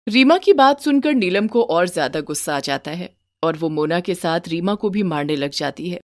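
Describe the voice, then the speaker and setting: A woman's voice: fairly low pitch, normal speed, dry recording. Woman narrating a storybook cartoon. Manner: steady, plain storytelling.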